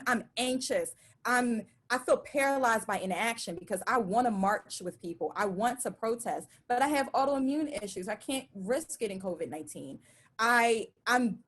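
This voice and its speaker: Animated woman preaching a sermon. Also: a little high. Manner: conversational, emphatic and animated.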